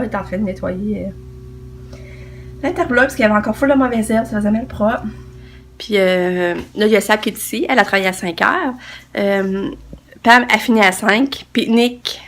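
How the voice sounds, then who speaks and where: Her mid-range voice is fairly bright and moderately paced as the young woman with a Québécois French accent vlogs to her handheld phone. A cold has left her tired and stuffy, so she rambles with frequent fillers and restarts, and a little hiss or hum is audible.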